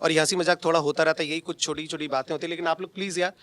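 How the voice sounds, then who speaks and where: A man's voice: fairly high pitch, fairly even intonation, racing, fairly bright tone, no room sound. A young man, a coaching teacher, chatting casually and teasing his colleagues with frequent laughs. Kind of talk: casual joking chat among colleagues.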